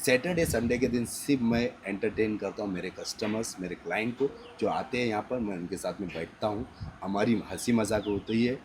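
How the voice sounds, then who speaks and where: A man's voice: fairly low pitch, brisk, a little hiss or hum. A man with an Indian accent, a goat farm owner, talking casually in an interview on his farm, emphatic and insistent in short clipped phrases.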